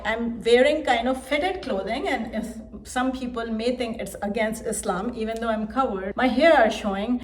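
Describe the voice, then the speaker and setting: A woman's voice: fairly high pitch, slight background noise. A woman in her forties from Pakistan, telling her own story in a candid, earnest vlog. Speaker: vlogger. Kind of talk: personal vlog monologue.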